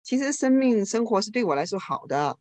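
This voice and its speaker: Translating a speaker's talk live into another language, a woman speaks quickly and informally, catching and correcting herself often. Her medium-pitched voice is sing-song and a little mellow.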